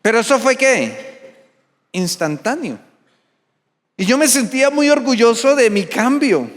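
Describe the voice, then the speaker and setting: A young man delivers a sermon in a high voice at an unhurried pace, drawing the words out. He keeps throwing questions to the congregation and answering them himself, emphatic and direct. His voice rings with the long reverb of a big church hall. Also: very animated. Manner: rhetorical call-and-response questions, emphatic. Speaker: pastor. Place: large church sanctuary.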